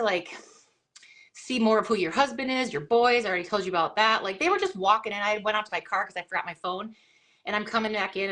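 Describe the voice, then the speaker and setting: A woman's voice: medium pitch, a bit bright. A middle-aged woman hosting a live video chat, talking casually and rambling with lots of fillers and restarts. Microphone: video call.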